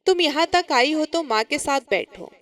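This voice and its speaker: A woman voicing a gentle young husband who coaxes his wife in a calm, soothing way. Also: sits high, normal speed, no room sound. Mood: coaxing.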